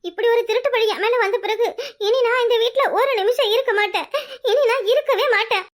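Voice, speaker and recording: A woman's voice: very high-pitched, fairly quick. A woman voicing a touchy young married woman who protests with wailing self-pity, in a southern Tamil Nadu accent. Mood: indignant. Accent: southern Tamil Nadu dialect. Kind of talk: cartoon voice acting.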